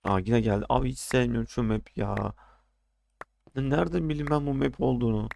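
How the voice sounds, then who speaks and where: A man's voice: medium pitch, fairly quick, creaky, a little mellow, slight background noise. A young man casually commenting on his own gameplay, often frustrated, ranting and swearing at the game. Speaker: gaming streamer.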